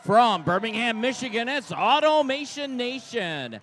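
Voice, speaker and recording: A man announcing teams at a live event in a booming, hyped fighting-game announcer manner, drawing out the names. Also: very animated, a little slow, fairly bright tone, slight background noise. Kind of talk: hyped team introductions at a live competition.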